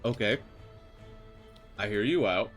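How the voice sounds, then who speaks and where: A man's voice: lowish voice, animated, slow pace, fairly bright tone, soft background music, voice pushed down. A man doing a flustered, stammering old innkeeper. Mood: blunt. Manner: stammering, hesitant. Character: older male innkeeper, flustered then blunt.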